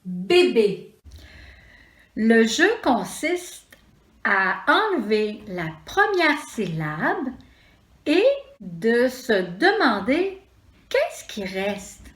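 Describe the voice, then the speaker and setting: A woman with a Quebec French accent speaks to preschoolers in a bright, lively, sing-song voice, drawing out each syllable very slowly. Her voice sits a bit high. The recording has a roomy echo around it. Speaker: preschool teacher. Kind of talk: slow, deliberate teaching for young children. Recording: echoey room.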